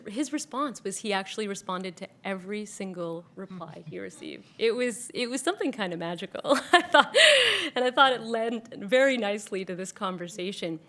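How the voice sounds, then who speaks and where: A woman's voice: mid-range voice, fairly bright tone. Lady moderator at a lectern, asks the panel stuff, reads bits out. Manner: guiding, reads aloud, asks questions. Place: stage lectern, indoors. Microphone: lectern mic.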